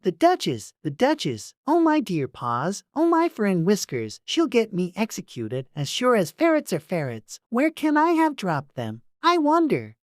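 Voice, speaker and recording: A woman's voice: mid-range voice, wildly swooping pitch, a little slow, hardly any pauses, dry recording, studio quality, voice pushed up. A woman voicing an anxious, fussy rabbit who mutters and orders others about. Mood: fretful. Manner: fretting, muttering, bossy.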